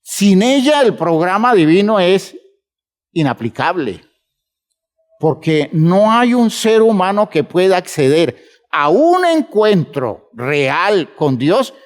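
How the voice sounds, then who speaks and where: A man with a high-pitched, sing-song voice preaches a sermon, emphatic and measured, addressing the congregation as brothers and drawing out words for emphasis.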